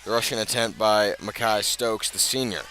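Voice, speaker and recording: This American radio play-by-play man calls a football game live in a lowish voice with a steady tone. He stays measured between plays and swells when the action picks up, over a noisy background.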